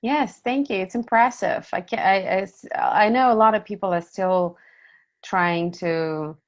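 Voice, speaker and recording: A woman's voice: mid-range voice, unhurried, highs cut off. A woman hosting an interview over a video call, talking hesitantly with restarts and fillers. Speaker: host.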